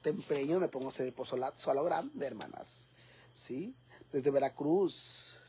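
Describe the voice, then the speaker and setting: A man with a Mexican accent and a natural, dark, medium-pitched voice at a moderate pace plays a brash, foul-mouthed middle-aged woman in a comic vlog. She gossips crudely with her viewers and calls them sisters.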